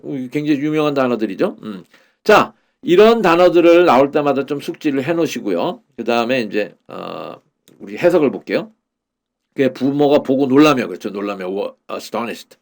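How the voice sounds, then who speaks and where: A man teaching an English Bible lesson. He speaks at a middle pitch and takes his time. He often stops with fillers and says the English phrases again as he explains them. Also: animated, normal speed. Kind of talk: Korean-language lesson on English Bible verses.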